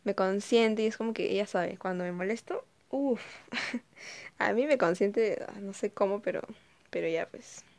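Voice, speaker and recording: A woman's voice: medium pitch, a little slow, a little mellow, dry recording. An eighteen-year-old woman with a Peruvian accent telling family stories in a chatty, casual way, full of fillers. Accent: Peruvian Spanish. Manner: chatty, lots of fillers and laughing asides. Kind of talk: casual storytelling monologue.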